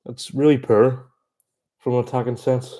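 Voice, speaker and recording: A man giving chatty, excitable live reaction commentary on a rugby match, breaking into exclamations. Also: mid-range voice, moderate pace. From Ireland. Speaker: sports reaction streamer.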